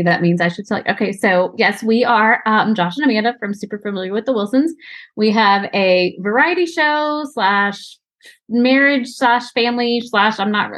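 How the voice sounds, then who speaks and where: A woman in her forties, a podcast guest, introducing herself briskly and friendly in casual chat. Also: mid-range voice, dry recording.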